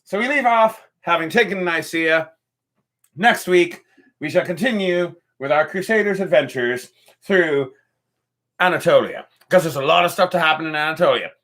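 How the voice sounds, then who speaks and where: A man's voice: on the high side, normal speed, fairly bright tone. A man hosting a history podcast, telling the story in a rambling, jokey, casual way. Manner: rambling and jokey, with filler and restarts. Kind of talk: casual joking history chat.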